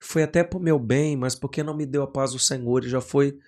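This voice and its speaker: Man, pastor, podcast guest, animated storytelling, mid-pitched voice, studio mic. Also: a little fast. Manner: animated storyteller who acts out quoted voices. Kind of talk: casual podcast conversation.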